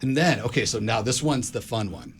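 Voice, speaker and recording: A man's voice: medium pitch, brisk, a little hiss or hum. A man co-hosting a casual talk show, telling a story in a rambling way, full of fillers and restarts. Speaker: co-host.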